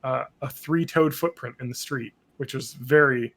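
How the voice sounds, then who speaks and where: A man's voice: medium pitch, normal speed, fairly bright tone. A man co-hosting a podcast, chatting casually and rambling, swearing freely and laughing often. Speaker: podcast co-host. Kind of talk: casual chat.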